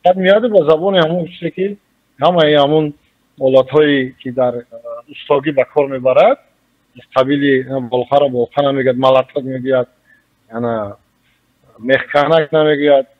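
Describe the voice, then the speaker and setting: A man with a Tajik accent, a journalist answering in a radio interview, speaking slowly and deliberately as he explains. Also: medium pitch, fairly even intonation. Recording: muffled radio recording.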